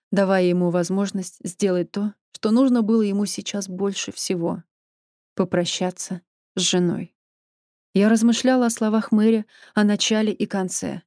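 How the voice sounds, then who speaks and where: A woman narrating an audiobook in the first person with a measured, even reading. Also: mid-range voice, dry recording, studio quality.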